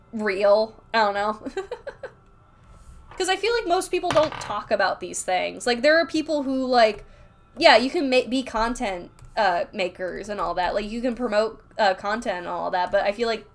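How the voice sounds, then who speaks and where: A woman with a medium-pitched voice draws on a livestream while chatting candidly and at length. She uses lots of filler words, reads the chat aloud, and reacts to it.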